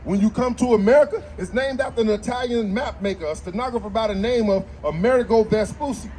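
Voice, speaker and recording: A man preaching on a city street, forceful and argumentative as he quotes scripture. His voice sits high for a man, with faint noise behind him. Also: fast. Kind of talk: street preaching and Bible teaching.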